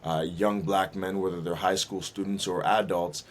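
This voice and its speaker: A man, a minister and detailing business owner, speaking as a guest in a casual interview, thoughtful and filling pauses with um and uh. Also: sits low, flat delivery. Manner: thoughtful, many fillers and restarts.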